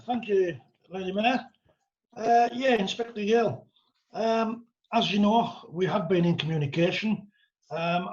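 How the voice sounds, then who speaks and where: A man speaking as a town councillor in a meeting over a video call. His remarks are courteous and halting, with frequent pauses. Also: high-pitched. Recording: dull lo-fi video call audio.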